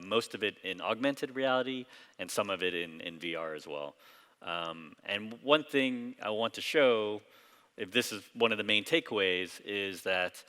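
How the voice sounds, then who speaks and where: A man's voice: sits low, clear, resonant tone. Man presenting in a reverberant hall. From Hong Kong. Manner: relaxed, loose delivery with frequent fillers and restarts. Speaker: company founder presenting at a conference. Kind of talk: conference presentation. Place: large conference hall.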